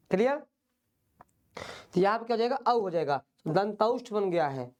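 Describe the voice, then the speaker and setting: A man's voice: sits high, expressive, a little slow, a little mellow. A male teacher giving an online exam-prep lecture, patiently explaining and drilling by repeating questions and answers.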